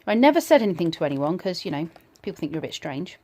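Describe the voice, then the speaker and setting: A woman casually telling a personal ghost story in a reflective, slightly hesitant way, pausing between short phrases. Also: on the low side, sing-song, a little mellow.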